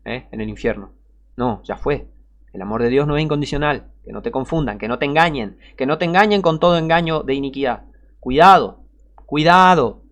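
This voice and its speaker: A man preaching a fiery sermon, reading scripture and scornfully attacking his opponents, dropping to low mutters and rising to loud warnings.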